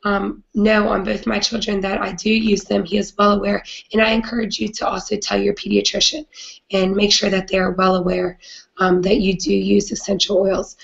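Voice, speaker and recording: A woman with a raspy, hoarse voice from a cold, hosting a live video chat in an earnest way with many "um" fillers. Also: mid-range voice, little pitch movement, normal speed, dull audio. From not British. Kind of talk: casual live-stream talk.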